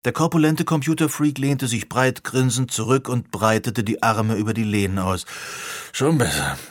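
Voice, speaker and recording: Brief: male audiobook narrator, mid pitch, calm even delivery, dry close recording. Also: normal speed, no echo. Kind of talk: scripted narration.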